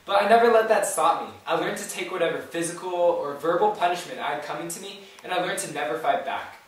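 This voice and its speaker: A man's voice: a little high, animated, fast talker, natural voice. A man playing a stoic war survivor, echoey. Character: stoic former prisoner of war recounting his ordeal. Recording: very echoey room from far off.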